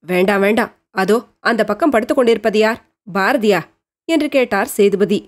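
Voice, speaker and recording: A woman voicing a caring grown man who speaks in a hushed, reassuring way. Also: mid-range voice, moderate pace, natural voice. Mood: gentle.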